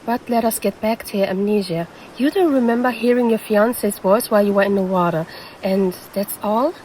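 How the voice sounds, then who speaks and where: In an audio roleplay, a woman voices a predatory siren posing as a lifeguard, teasing the listener and calling him handsome while sounding concerned and puzzled. Her medium-pitched voice is darkish and fairly quick, lightly acted, on a rough recording with slight background noise.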